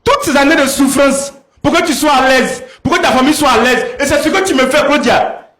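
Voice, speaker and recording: A man's voice: very high voice, fairly quick, fairly bright tone, echoey room. A man bitterly reproaching his wife during a heated confrontation. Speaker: show participant, the husband.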